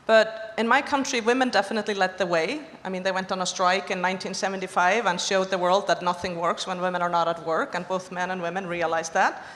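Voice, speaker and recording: A woman's voice: fairly low pitch, steady tone, fast talker, hardly any pauses, a bit bright. A woman from Iceland speaking earnestly on a conference panel, building on other speakers' points. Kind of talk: panel discussion. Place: conference hall stage. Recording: long reverb of a conference hall.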